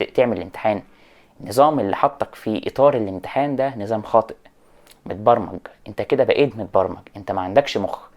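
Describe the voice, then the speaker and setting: A man with an Egyptian Arabic accent talking straight to students, lecturing with animated mock examples of English phrases. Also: medium pitch. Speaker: education vlogger. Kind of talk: direct-address rant to students.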